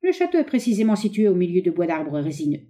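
A woman reading an audiobook, voicing a ruthless, scheming young man who speaks in an urgent, forceful, raised voice. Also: on the low side, very animated, quick pace.

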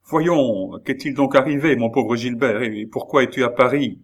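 A man's voice: mid-range voice, moderate pace, voice pushed up, natural voice. A man reading an audiobook, voicing a cheerful, good-natured young army captain who speaks frankly and kindly. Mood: friendly. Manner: warm-hearted, frank. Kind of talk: audiobook character voice.

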